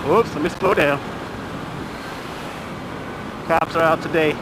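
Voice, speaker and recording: A chatty man with a voice on the high side talks casually as he rides a motorcycle on a rural road, vlogging the trip. He's relaxed and drawls through filler pauses. His helmet microphone picks up wind, the engine, and road noise.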